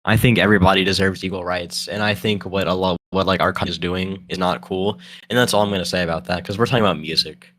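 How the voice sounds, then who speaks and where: A man's voice: low voice, fairly even intonation, fast, sharp tone, a little hiss or hum, rough recording. A young man, co-hosting a podcast in a rambling, hesitant way, tired from no sleep. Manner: rambling, hesitant, lots of fillers and restarts. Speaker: podcast co-host. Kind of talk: casual chat.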